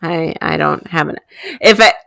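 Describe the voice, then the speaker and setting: A woman's voice: low voice, normal speed, vocal fry, bright, forceful tone, no room sound. A woman in her thirties co-hosting a casual chat, talking easily and laughing often. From Illinois. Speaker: co-host.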